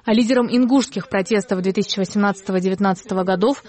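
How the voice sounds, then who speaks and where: A woman narrating a news report in an even, measured, scripted read. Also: medium pitch.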